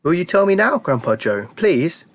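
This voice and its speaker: A man's voice: on the high side, very animated, moderate pace, voice pushed up. A man voicing a polite, curious young boy who asks earnest questions.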